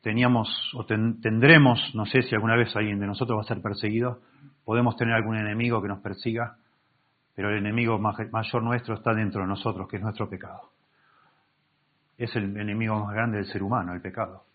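Male pastor, expository sermon, husky voice, narrow phone-like sound, restarts words as he explains. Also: on the low side, level tone, brisk. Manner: reads scripture aloud and explains it, with many self-corrections. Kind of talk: Bible-teaching sermon. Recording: tinny phone-like recording.

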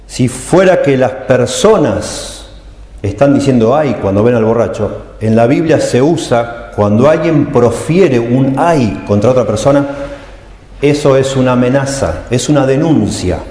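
A man's voice: mid-range voice, animated, unhurried, mellow. A man preaching a sermon, explaining scripture and voicing its cries with emphasis. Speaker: pastor. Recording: echoey hall with long reverb.

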